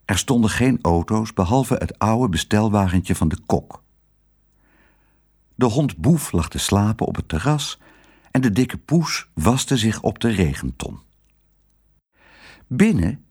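Husky, very lively storybook narrator man. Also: on the low side, measured pace. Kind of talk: audiobook narration for children.

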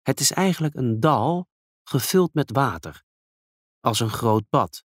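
Slow, calm man reading a story. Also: mid-range voice, no echo, studio quality. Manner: calm, gentle, unhurried storytelling.

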